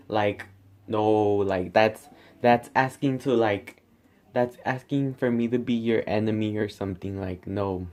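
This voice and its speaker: Young guy vlogger, mid-pitched smooth voice, griping sarcastically to camera. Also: a little mellow. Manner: sarcastic, exasperated, filler-heavy with lots of "like". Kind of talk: casual rant to camera.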